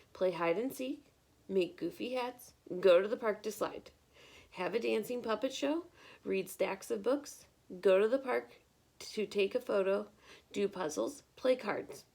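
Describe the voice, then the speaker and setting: A woman's medium-pitched voice, with vocal fry, reads a picture book in an expressive, encouraging teacher style. She breaks off at points to pose questions to young listeners.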